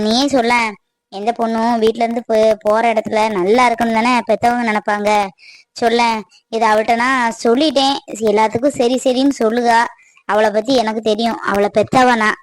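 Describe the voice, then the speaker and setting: A woman's voice: on the high side, no room sound, natural voice. A woman voicing an anxious middle-aged village mother, earnestly pleading with her nephew in a cartoon. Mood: persuading. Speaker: voice actor. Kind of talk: cartoon voice acting.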